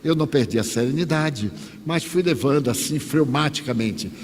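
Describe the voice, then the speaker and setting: A man's voice: medium pitch, moderate pace. Older Bahian man telling a lecture story. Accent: Bahian Portuguese. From Bahia, Brazil. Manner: animated, wry anecdotal narration. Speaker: spiritist lecturer. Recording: echoey hall, faint noise.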